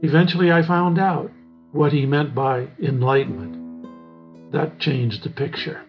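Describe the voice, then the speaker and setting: An older man reading his own memoir aloud in a measured, reflective way. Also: a little high, soft background music. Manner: slow, measured, reflective storytelling. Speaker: memoir narrator. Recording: dull lo-fi recording.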